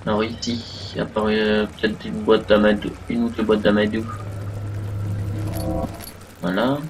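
A man's voice: fairly low pitch, completely flat delivery, unhurried, distant mic, background noise. A man giving casual live commentary while playing a horror game, thinking aloud with many fillers. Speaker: gaming streamer. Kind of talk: live let's play commentary.

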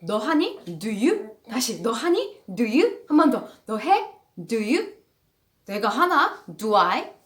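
Patient female English teacher in her thirties, animated and unhurried. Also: fairly high pitch. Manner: patient, repeats drills slowly. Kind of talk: casual home English lesson.

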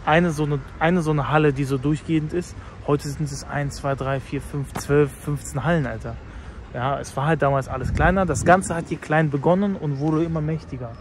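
A man's voice: fairly high pitch, fairly even intonation, moderate pace. A man vlogging outdoors by a market hall, talking in a hyped, slangy way and repeating himself. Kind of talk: casual vlog commentary. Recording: street noise outdoors.

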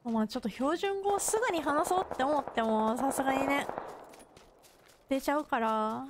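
A woman's voice: sits high, normal speed, very noisy. A woman with a Kansai accent, chatting casually and rambling to herself while live-streaming a game. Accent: Kansai Japanese. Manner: rambling self-talk between game remarks.

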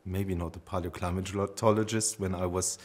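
A man's voice: sits low, steady tone, normal speed, darkish tone. A middle-aged man, a paleoclimatologist, speaking earnestly and enthusiastically in a documentary interview.

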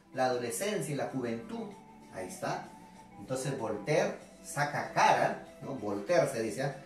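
A male teacher lectures in a lively, swooping voice, peppering his talk with rhetorical questions and playful jabs at the class. He sounds distant from the mic, in a very echoey room with faint music behind him. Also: fairly high pitch. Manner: chatty, constantly asks rhetorical questions with tag '¿no?'; addresses students directly, playful and teasing. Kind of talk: classroom literature lecture to students.

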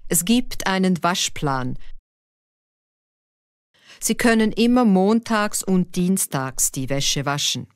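Slow, careful woman reading lesson dialogue. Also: lowish voice, lively intonation, no echo, studio quality. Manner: careful, clearly articulated, each line said twice. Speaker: dialogue reader for a language lesson. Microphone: dry studio voice-over.

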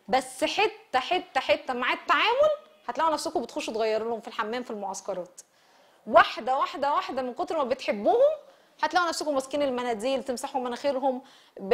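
Egyptian woman giving a talk, high voice, keeps asking the room questions. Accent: Egyptian Arabic. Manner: lively, asks the audience questions, laughs with them. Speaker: lecturer to church servants. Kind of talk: lecture to an audience.

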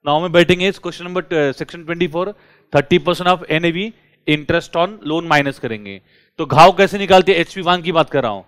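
A male teacher runs a lively lecture, firing questions at his class. His voice sits a little high and comes across clean and resonant. The recording is dry and close. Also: normal speed, smooth, no echo. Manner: lively, drills students with repeated questions.

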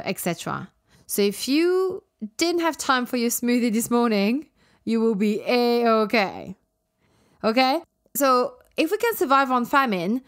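High-voiced woman podcaster with w-like R's. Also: fairly bright tone. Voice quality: cannot say English R's properly, sounding close to w. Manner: emphatic, playful, blunt, repeats words for emphasis. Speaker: podcast host and women's health coach. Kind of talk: podcast monologue, addressing listeners directly.

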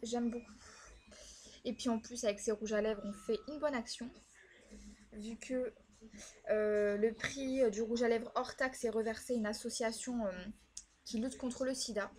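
A woman's voice: a little high, fairly even intonation, unhurried, long pauses, darkish tone. Chatty young woman reviewing makeup. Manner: chatty, many fillers and "voilà". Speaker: beauty vlogger. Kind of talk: casual product review.

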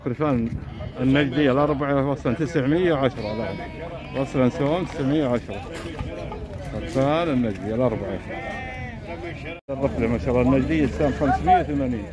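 A man's voice: medium pitch, fast talker. A man with a Saudi accent giving casual commentary on livestock prices as he films. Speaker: videographer reporting livestock prices. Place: outdoor livestock market at night. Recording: outdoor market recording with loud crowd.

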